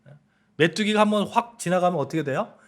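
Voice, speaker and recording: A man's voice: high-pitched, fast talker. A man preaching a sermon as pastor, asking the congregation questions and building to emphatic outbursts.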